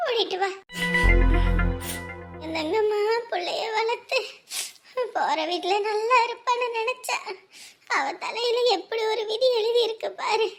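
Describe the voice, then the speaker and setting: A woman's voice: very high voice, unhurried, pauses often, faint music behind. A woman playing a worried middle-aged village mother, pleading and lamenting in a family drama. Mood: anxious. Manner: pleading, scolding, sighing lament.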